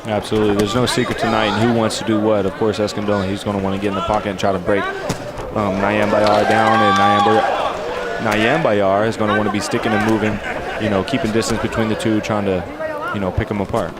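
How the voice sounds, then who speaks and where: A man's voice: lowish voice, little pitch movement, fairly quick. A man giving conversational analysis of a boxing match as part of a commentary team. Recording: roaring arena crowd behind.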